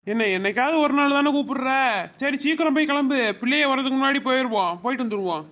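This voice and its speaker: A woman voicing an easygoing village husband in a cartoon, talking brisk and teasing with a Madurai Tamil accent. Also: sits high, a bit bright, a little hiss or hum. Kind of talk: cartoon voice acting.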